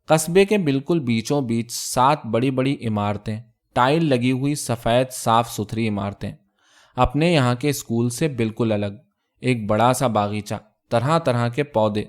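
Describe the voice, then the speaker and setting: A male storyteller reading a translated short story aloud in a measured, even way. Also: mid-range voice. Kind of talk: scripted story narration.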